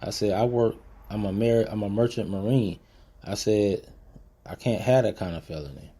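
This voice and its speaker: A man's voice: on the low side, normal speed, dark tone, slightly rough. A man hosting a podcast, telling a personal story in a blunt, profane, emphatic way that turns motivational. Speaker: podcast host.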